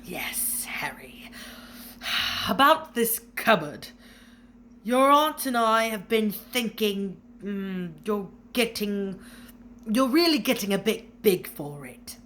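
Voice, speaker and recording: A woman's voice: mid-range voice, sing-song, takes it slowly, a bit bright, a little hiss or hum. A woman voicing a blustering, bullying middle-aged uncle who sneers, stammers and roars. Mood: forced calm.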